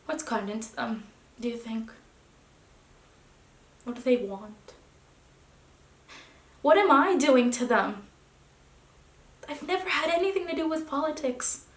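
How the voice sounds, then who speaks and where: Woman acting out a dignified wife walking out, fairly high voice, restrained then sinking quiet, echoey room. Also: animated, a little slow, long pauses. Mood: searching. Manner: restrained, dropping to hushed tones, then rising. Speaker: actor. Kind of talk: theatrical stage monologue.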